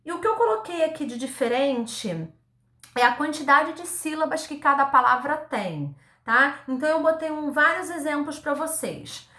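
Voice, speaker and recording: A woman teacher giving a recorded lesson to young children, speaking slowly and patiently, sounding words out syllable by syllable and checking in with a frequent "tá?". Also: sits high, sharp tone, roomy sound. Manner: ends phrases with a checking "tá?". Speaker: primary school teacher.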